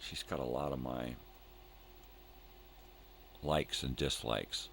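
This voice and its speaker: Very deep, gravelly older man, rambling. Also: fairly even intonation, takes it slowly, fairly bright tone, slight background noise. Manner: laid-back hippie slang, drifting and repeating himself. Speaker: host of a live morning show. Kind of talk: casual rambling chat.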